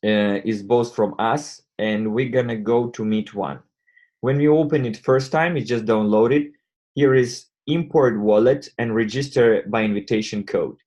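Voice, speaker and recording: A man of ordinary pitch hosts an online community call. He explains things step by step in a halting way, often stopping to restart. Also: a little mellow. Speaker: host presenting a crypto wallet.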